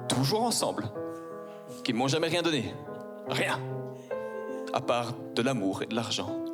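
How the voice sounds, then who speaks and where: A man in his forties with a Belgian French accent, performing a stand-up comedy set on stage, ironic and mock-posh. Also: mid-range voice. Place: theater stage before a live audience.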